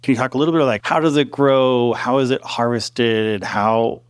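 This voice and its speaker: Brief: enthusiastic male podcast host asking questions, mid-pitched voice, dry close recording. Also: normal speed, clear, resonant tone, no room sound. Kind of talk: podcast interview.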